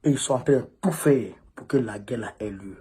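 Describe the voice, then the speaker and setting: A commentator with a West African French accent gives an informal political monologue, emphatic and repeating phrases for stress. His husky, mellow voice is mid-range and moderately paced.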